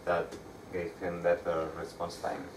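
A young man with a Spanish accent giving a meetup tech talk with slides, speaking haltingly with frequent restarts. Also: low voice, monotone. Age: young adult. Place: dark room with projector screen. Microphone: far camera. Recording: echoey room, distant mic, audible background noise.

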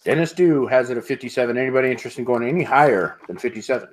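Calling bids very quickly in a steady, repetitive rhythm, a middle-aged auctioneer with a mid-range voice hosts an online auction from a home room lined with sports memorabilia. He laughs often, and he's recorded through an earbud headset on a video call.

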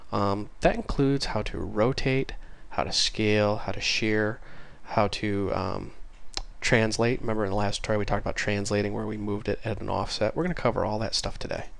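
A programming tutorial host with a lowish, creaky voice, congested from a cold, talks casually through a coding lesson while he types. He is chatty and gets excited easily.

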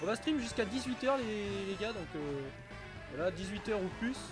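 A man's voice: high-pitched, lively intonation, moderate pace, over music. A man streaming a kart racing game live, chatting casually with viewers, often stumbling and repeating himself and swearing now and then.

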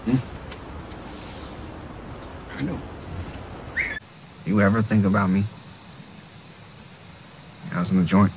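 An actor playing a brash, foul-mouthed young man from a rough family, blunt and streetwise, in a TV drama. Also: fairly low pitch, slow, long pauses, background noise. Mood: tender. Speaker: TV drama character.

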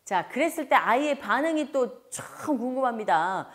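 A woman's voice: a little high, animated, moderate pace. A middle-aged woman giving a chatty English lesson for mothers, laughing often and acting out little dialogues between mother and child. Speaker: English teacher for parents.

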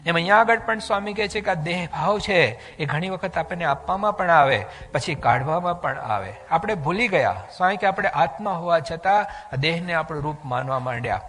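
A man delivers a devotional discourse in a lively, storytelling manner, with English phrases mixed in. His voice sits a little high and sounds bright and forceful. A long hall reverb trails behind every phrase. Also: fairly quick, hardly any pauses. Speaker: religious speaker giving a discourse. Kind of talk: devotional sermon.

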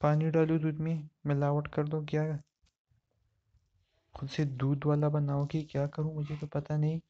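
A man's voice: on the high side, monotone, a little slow, mellow, muffled recording. A man giving casual gameplay commentary as a gamer, chatting to himself while he works through a puzzle game.

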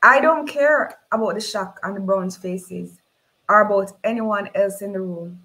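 Woman author, own novel read aloud, slow and measured, mid-pitched voice. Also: bright, forceful tone, low-quality recording. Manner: slow, measured reading in dialect.

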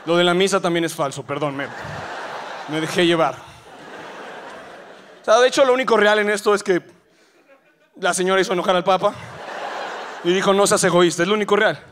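A male stand-up comedian with a Mexican accent, delivering an animated, slangy live set on stage. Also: high-pitched, a little fast, long pauses, a little hiss or hum. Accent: Mexican Spanish. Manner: animated, slangy, acting out voices.

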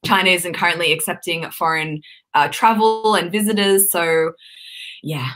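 Faint music plays behind this low-leaning, fairly bright voice, delivered at a normal pace. She's an Australian woman in her twenties, a YouTuber co-hosting a live stream, laughing and chatting casually over a webcam video call from home with lots of ums.

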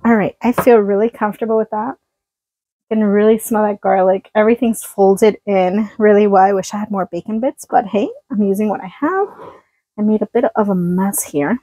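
A woman's voice: mid-range voice, brisk, mellow, dry recording, poor audio. A woman chatting casually while cooking in a small trailer kitchen, laughing often as she works. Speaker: cooking vlogger. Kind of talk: casual cooking chat to camera. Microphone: phone-plugged mic near the counter.

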